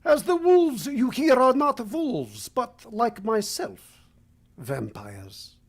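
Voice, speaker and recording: Woman doing husky vampire count, slow and menacing, big swoops in pitch, old radio play style. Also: big pitch swings, exaggerated voice. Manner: theatrical, menacing, measured. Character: commanding seductive undead male vampire count, Dracula. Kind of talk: vintage radio drama acting.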